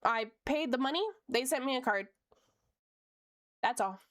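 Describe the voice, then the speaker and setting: A streamer and VTuber in her late 20s from Ontario, Canada, chats casually on stream from her home room while drawing, upbeat, often laughing, and using lots of fillers. Her voice sits high and is unhurried and a bit bright. The sound is studio quality with no room sound.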